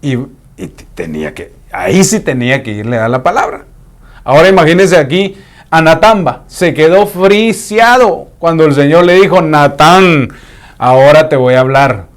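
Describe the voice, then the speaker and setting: Animated male preacher. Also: fairly high pitch, normal speed. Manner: animated, acts out scenes in voices. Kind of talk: sermon.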